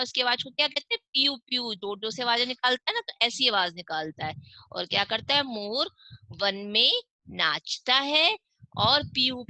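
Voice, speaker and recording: Bright-voiced Hindi teacher, slow and dry. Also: female voice, on the high side, dry recording, rough recording. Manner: slow, drawn-out syllable-by-syllable reading; asks children questions and answers them herself. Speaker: primary school teacher. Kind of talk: online class lesson.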